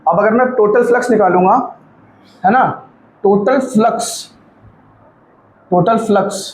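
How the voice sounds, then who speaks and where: A high-pitched male physics teacher who talks through the lesson step by step, repeating himself and coaxing students to keep up. His voice rings in an echoey room, with faint noise behind it. He drops in light teasing asides along the way. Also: unhurried, darkish tone. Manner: repetitive, coaxing, keeps checking students follow. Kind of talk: classroom lecture at a board.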